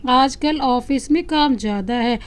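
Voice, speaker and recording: A woman voicing a tired but affectionate young wife who speaks gently and shyly, in a storybook reading. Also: high voice, a little slow, clean tone. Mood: fond. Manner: gentle, shy.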